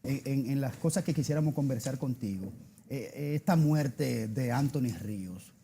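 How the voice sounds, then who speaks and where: A man with a Dominican accent hosting a TV interview, giving emphatic introductions and quick backchannels. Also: mid-range voice, vocal fry, slight background noise. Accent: Dominican Spanish. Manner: lively, emphatic introductions with many short backchannels. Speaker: TV interview host.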